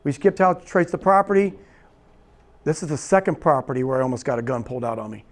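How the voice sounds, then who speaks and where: A man's voice: on the high side, fast. A man teaching a real estate investing seminar, telling a story and acting out the dialogue, often checking in with "right?". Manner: animated storyteller, acts out quoted dialogue, repeats "right?". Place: seminar room.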